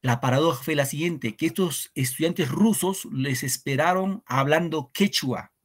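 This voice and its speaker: An unhurried man from Peru with a higher-pitched voice reflects earnestly while teaching literature online to secondary students, regularly turning to rhetorical questions.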